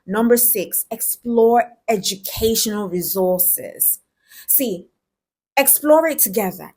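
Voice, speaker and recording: A woman talking frankly and directly to her viewers, giving relationship advice in a conversational way. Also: medium pitch. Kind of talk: direct-to-camera advice talk.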